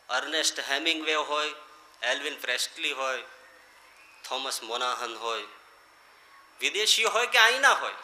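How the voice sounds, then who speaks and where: Male monk preacher, bright forceful tone, fairly high voice, echoey hall. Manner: rhetorical, swinging between loud emphatic lines and quiet low ones. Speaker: monk giving a scripture discourse. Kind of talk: sermon.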